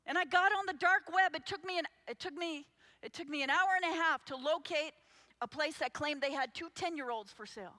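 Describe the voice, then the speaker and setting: Woman, high voice, bright and forceful tone, impassioned talk, urgent, addresses the crowd directly. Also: fairly quick. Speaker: anti-trafficking advocate.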